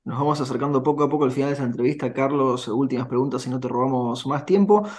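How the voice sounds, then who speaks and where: A man's voice: mid-range voice, quick pace, darkish tone. A man with a Rioplatense accent interviewing a guest on the radio, wording his questions carefully. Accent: Rioplatense Spanish.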